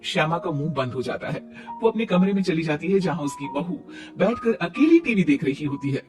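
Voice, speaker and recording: A man narrating a scripted cartoon story in a plain, steady way. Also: on the high side, fairly quick. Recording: distant mic, faint music.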